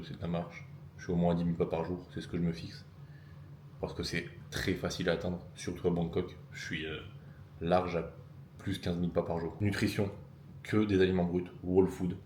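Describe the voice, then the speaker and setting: A man's voice: sits low, level tone, fairly quick, warm tone, echoey room, a little hiss or hum. A man coaching his viewers in a motivational vlog, talking with self-assured emphasis and repeating his key phrases. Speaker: fitness and business coach. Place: lives abroad in Bangkok.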